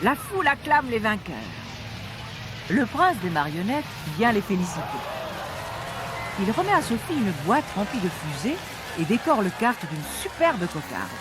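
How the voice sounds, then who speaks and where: A woman reading a children's story aloud, lively and voicing the characters with big jumps in pitch. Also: moderate pace, noisy background. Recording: story read over loud background music.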